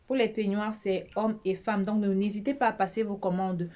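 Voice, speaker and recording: Woman, Cameroonian French accent, casual vlog chat, repetitive, mid pitch, slightly dull sound. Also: moderate pace. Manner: chatty, repeats herself, lively asides. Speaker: bridal shop owner.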